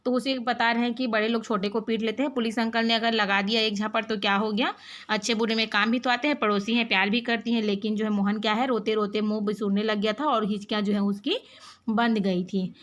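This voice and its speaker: A woman teacher with a fairly high voice reads a story out to her class. She then goes back over it line by line in plain, everyday words. She keeps checking in with her listeners as she goes. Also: steady tone, fairly quick, a bit bright. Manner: reads a passage, then retells it in simple words with frequent checks like "है ना". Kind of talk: reading a story aloud and explaining it in class.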